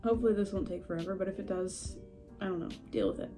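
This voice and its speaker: Speaking quickly and warmly over soft background music, a horse breeder vlogger gives a casual update from her plant-filled home. She has a cold that makes her sound stuffy and slightly scratchy. Her mid-range voice rambles along, chatty and self-deprecating, with plenty of laughs.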